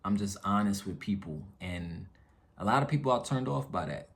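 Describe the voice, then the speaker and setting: A man's voice: on the low side, lively intonation, moderate pace. A man venting casually to his viewers in an earnest, slangy way, repeating phrases for emphasis. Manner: candid, slangy, frequent check-in tags. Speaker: YouTube vlogger.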